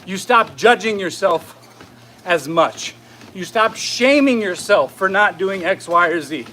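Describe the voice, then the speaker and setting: High-pitched man talking while exercising on a treadmill. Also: lively intonation, a little slow, sharp tone, slight background noise, rough recording. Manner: conversational, often tags phrases with "right?". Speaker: fitness coach giving a live talk. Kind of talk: casual motivational talk.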